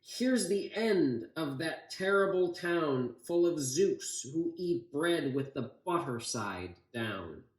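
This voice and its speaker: A man's voice: fairly high pitch, expressive, slow, few pauses, voice pushed up. Man playing a bold old grandfather, echoey room. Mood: fierce. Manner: declamatory. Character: bold old grandfather creature, proud, defiant storybook fighter. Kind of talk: storybook read-aloud.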